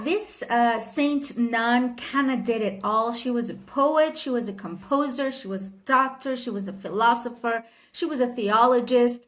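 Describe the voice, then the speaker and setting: Woman hosting a history vid, kinda high voice, chatty, lots of little asides. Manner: chatty, with frequent asides and light laughs. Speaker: history video host. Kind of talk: casual educational explainer.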